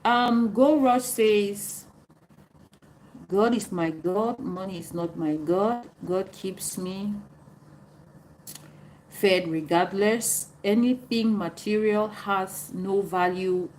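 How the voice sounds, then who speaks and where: A woman's voice: mid-range voice, slow, darkish tone, a little hiss or hum, poor audio. A woman from Cameroon with a Cameroonian accent, streaming live and answering viewer comments in an emphatic, repetitive, preachy way. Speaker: livestreamer.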